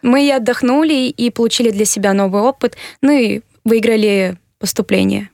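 An eighteen-year-old woman from Kyrgyzstan answering interview questions earnestly, pausing with fillers as she thinks. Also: on the high side, gravelly, darkish tone, dry recording, studio quality. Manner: earnest, measured, with hesitant fillers. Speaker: interviewee, university applicant.

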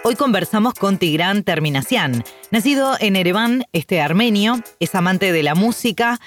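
A woman's voice: medium pitch, lively intonation, normal speed, soft background music. A woman hosting an interview, welcoming her guest and asking friendly questions with light laughter. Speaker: host.

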